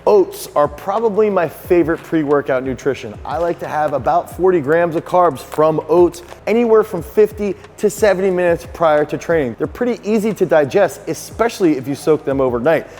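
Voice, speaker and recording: A man in his thirties, a strength coach, giving an energetic sponsored explainer on workout nutrition. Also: a little high, fairly quick, hardly any pauses, in a large hall, slight background noise.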